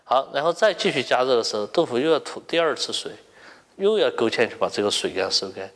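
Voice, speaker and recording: A man's voice: mid-range voice, expressive, fast, fairly bright tone. Man explaining technique in a reverberant room. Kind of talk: spoken explanation in an interview. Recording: long reverberant room echo.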